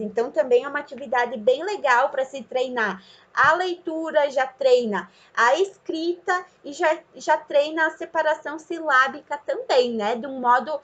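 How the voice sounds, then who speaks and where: A young woman, a student teacher, patiently demonstrating a classroom activity and drawing out words slowly as if for a child. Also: high voice. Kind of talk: instructional demonstration. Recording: slightly dull lo-fi sound.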